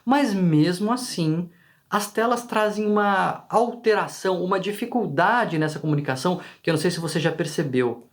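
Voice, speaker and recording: Higher-voiced Brazilian man explaining to camera. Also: moderate pace. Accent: Brazilian Portuguese. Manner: conversational, frequent tag questions to the viewer; talks directly to the viewer. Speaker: channel host.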